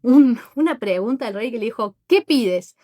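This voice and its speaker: A woman hosting a podcast, telling a Bible story in a thoughtful, unhurried monologue that speaks straight to her listeners. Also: fairly high pitch, mellow. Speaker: podcast host.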